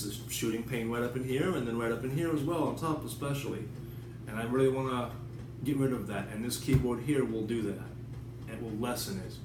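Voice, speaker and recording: A lowish-voiced writer hosts his own channel with casual, unscripted vlog talk that's rambling, blunt, and casually profane. Filmed at home in his apartment by a tablet camera some distance away, he sounds distant in an echoey room with clear background noise.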